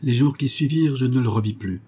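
A man's voice: medium pitch, fast, warm tone, husky, voice pushed up, close to an everyday voice. A man voicing a distressed young army lieutenant telling of his capture, read aloud in an earnest first-person manner. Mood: tense. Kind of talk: audiobook reading.

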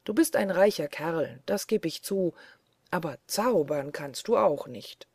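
A woman's voice: lowish voice, lively intonation, a little slow, darkish tone, breathy edge, dry recording, studio quality, heavily acted. A woman reading the lines of a cunning, cold-hearted young male charcoal burner who taunts scornfully. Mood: taunting.

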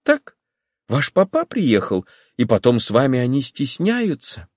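A man reading an audiobook voices a calm, gentle young woman who speaks softly and reasonably. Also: medium pitch, dry recording, clean studio sound. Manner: soft, measured, reasonable. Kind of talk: audiobook character voice.

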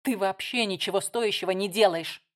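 A woman's voice: medium pitch, moderate pace, lightly acted. A woman reading a novel aloud, voicing a heated, insistent younger sister.

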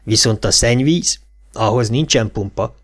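A man voicing a gruff older small-town policeman who lectures in blunt, folksy dialect. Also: mid-range voice, close to an everyday voice. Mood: lecturing. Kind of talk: audiobook character voice.

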